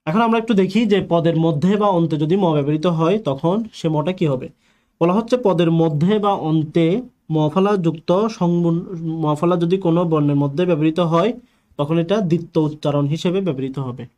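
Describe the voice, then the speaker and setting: A man's voice: fairly high pitch, fairly quick, dark tone. A male teacher giving an online grammar lecture, posing questions to the class and answering them himself.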